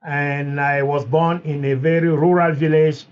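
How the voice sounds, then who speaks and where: A man's voice: a little high, flat delivery, measured pace. A middle-aged man from Cameroon, earnestly telling his story as a podcast guest. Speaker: podcast guest, biology professor. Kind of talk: interview answers. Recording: dull lo-fi sound.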